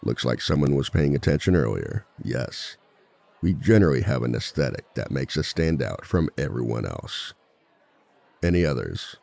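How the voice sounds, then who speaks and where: In a scripted ASMR roleplay monologue, a man plays a composed, dry-witted villain politely teaching a relationship seminar to a class, sounding confident and instructive. His extremely low, very deep voice is gravelly and heavily creaky, with a dark, mellow tone and big pitch swings. The delivery is heavily acted at normal speed, with no echo.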